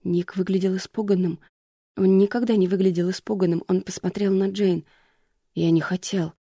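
An audiobook narrator reading a thriller chapter in scripted narration with a steady, even delivery. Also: medium pitch, a little fast, dry recording, clean studio sound.

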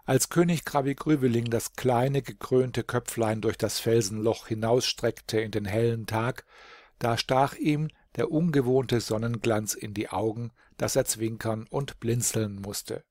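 A man's voice: mid-range voice, no room sound. Man reading a fairy tale, dry studio sound. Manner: calm, measured storytelling. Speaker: audiobook reader. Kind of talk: scripted fairy-tale narration.

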